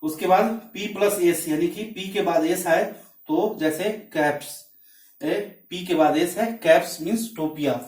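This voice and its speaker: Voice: medium pitch, measured pace, a little mellow. A teacher giving a phonics lesson, explaining step by step and spelling words out letter by letter. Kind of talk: classroom-style phonics lesson. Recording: echoey room, mic at a distance.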